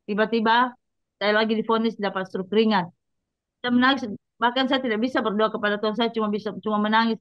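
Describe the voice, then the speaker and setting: A woman's voice: on the high side, steady tone, fast, no room sound. Earnest woman giving a religious testimony. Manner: earnest, speaks straight to listeners. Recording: dull lo-fi dry sound.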